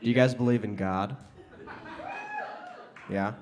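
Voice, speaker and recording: A man's voice: fairly low pitch, steady tone. American man doing stand-up crowd work. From Las Vegas, United States. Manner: conversational delivery to a live audience, with pauses and emphatic punchlines. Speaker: stand-up comedian. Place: comedy club stage. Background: audience laughter.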